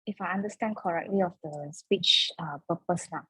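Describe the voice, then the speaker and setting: Husky Malaysian woman chatting in Singlish style. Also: fairly low pitch, moderate pace, pushed and bright, no room sound, rough recording. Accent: Malaysian English. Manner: Singlish-style colloquial speech with particles. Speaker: club member. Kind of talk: casual chat.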